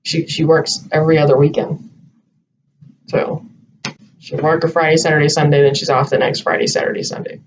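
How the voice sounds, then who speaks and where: A man's voice: on the high side, little pitch movement, a little fast, pauses often. Man, rambling, hesitant, casual co-host chat, off-mic, muffled home recording. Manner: rambling, hesitant, thinking aloud. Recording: distant muffled home recording with light hiss.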